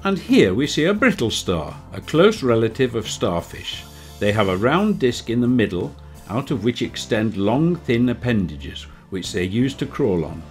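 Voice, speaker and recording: A man reading scripted nature documentary narration in a measured, wryly playful storytelling manner. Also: mid-range voice, sing-song. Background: background music.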